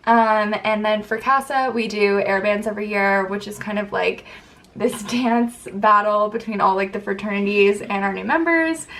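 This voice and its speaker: A young woman talks in a bubbly sorority-girl way, with a creaky vocal fry. She chats casually, as if to friends while getting ready, dropping "like" and "super" often. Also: medium pitch, normal speed, fairly bright tone, low-quality recording. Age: young adult. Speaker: sorority member answering questions. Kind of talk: casual get-ready-with-me chat.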